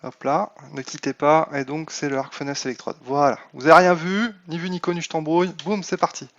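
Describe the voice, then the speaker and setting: Guy chatting thru a live game stream, kinda high voice, thinks out loud, muffled mic. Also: fairly even intonation, fairly quick. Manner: chatty, thinks aloud with many fillers, reads chat aloud. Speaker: Minecraft modpack streamer. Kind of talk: casual live let's play commentary.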